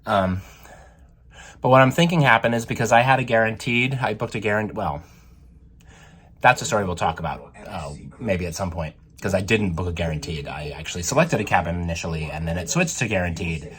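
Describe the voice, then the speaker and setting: A man's voice: sits low, brisk, a bit bright. Slightly winded man vlogging in a cabin. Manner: rambling, with many ums and laughs. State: a little out of breath. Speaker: travel vlogger. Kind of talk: casual vlog to camera. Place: cruise ship cabin with a TV on.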